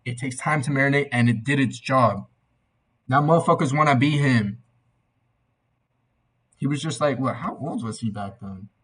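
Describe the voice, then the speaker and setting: A young man giving a casual, tipsy album reaction in a loose, meandering, slightly husky way. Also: medium pitch, moderate pace, pauses often, fairly bright tone, low-quality recording. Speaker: amateur music reviewer.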